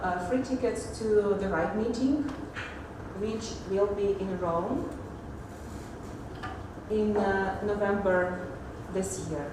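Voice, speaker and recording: A woman giving a technical conference presentation, pausing often with fillers and restarts. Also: medium pitch, background noise. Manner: hesitant, many fillers and restarts. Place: large echoey conference hall. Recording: echoey hall audio from far off.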